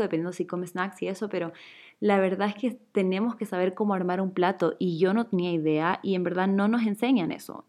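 A woman in her twenties, born in Chile, talking candidly and casually to her viewers, with lots of fillers and light laughs. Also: medium pitch. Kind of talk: casual vlog monologue.

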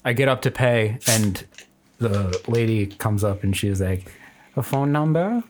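A man's voice: lowish voice, steady tone, measured pace, a little hiss or hum. A young man chatting casually on a podcast, telling a rambling story full of fillers and restarts. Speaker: podcast co-host. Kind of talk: casual chat.

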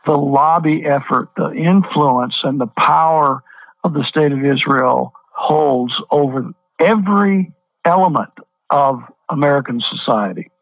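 A pastor speaks as a guest in a phone interview, his voice coming through a tinny line. His fairly high voice moves at a measured pace in a dry recording, and he presses his points emphatically by repeating words.

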